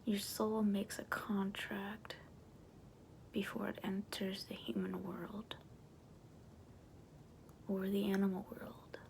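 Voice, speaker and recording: Woman in whispered role-play as a creaky demonic she-devil. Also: mid-range voice, completely flat delivery, slow, long pauses, darkish tone, a little hiss or hum. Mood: dark, matter-of-fact. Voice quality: breathy whisper with creaky edges. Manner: demonic whisper, coaxing and casual. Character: sly, persuasive demonic she-devil offering soul contracts.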